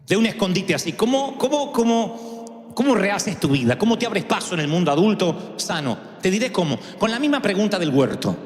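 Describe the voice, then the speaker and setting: Dramatic high-voiced male preacher. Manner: dramatic, acts out quotes with big pitch swings. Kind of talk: sermon. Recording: echoey hall with long reverb.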